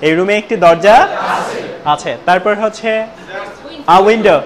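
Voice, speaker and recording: A man teaching a spoken English class, prompting students again and again and slowing right down to model each sentence. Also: sits high. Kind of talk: classroom lesson with call-and-response drills. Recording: loud room noise and class chatter. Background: students answering in chorus.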